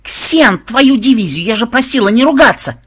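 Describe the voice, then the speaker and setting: A man's voice: a little high, sing-song, brisk, slightly rough, pitched above the performer's own voice. A man voicing a sugary young woman reporting on a game for an audiobook. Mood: furious. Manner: syrupy, presenter-like delivery.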